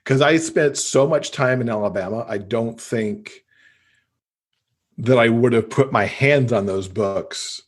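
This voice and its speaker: In casual conversation, a podcast guest from the United States tells stories with enthusiasm. His voice is medium in pitch and keeps a measured pace.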